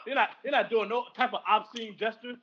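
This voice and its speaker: A man's voice: very high-pitched, steady tone, fairly quick, sharp tone, slightly rough, muffled recording. A man co-hosting a podcast in casual chat, talking bluntly and heatedly with plenty of swearing. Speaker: podcast co-host.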